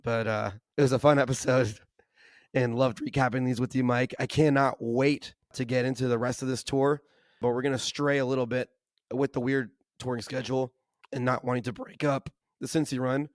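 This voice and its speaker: A hoarse man with laryngitis, co-hosting a podcast in casual, enthusiastic chat full of "like" and "kinda". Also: medium pitch, fairly even intonation, moderate pace, no room sound, clean studio sound. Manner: enthusiastic, uses lots of "like" and "kinda". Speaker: podcast co-host.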